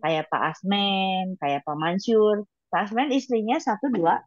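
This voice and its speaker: A woman giving an informal devotional teaching to colleagues, in a blunt and habitually loud, high-toned manner. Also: measured pace, dry recording, dull audio. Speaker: devotional reading leader.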